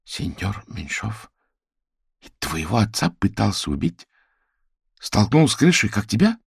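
A man's voice: fairly low pitch, lively intonation, fairly quick, no echo, studio quality, pitched above the performer's own voice, lightly acted. A man reading the part of a friendly, polite young male student. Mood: loud whisper.

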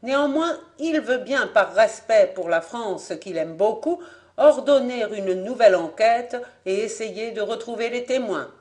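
A reader voicing a male interpreter, formal and clipped, pitched higher and louder than the narration. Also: lively intonation, measured pace.

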